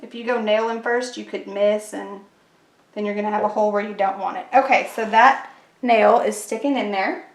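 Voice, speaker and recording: In an echoey room with faint kitchen clatter, a woman leads a chatty, step-by-step craft tutorial as host of her craft channel. Her mid-range voice holds a steady tone at normal speed, though she's fighting a cold and losing her voice.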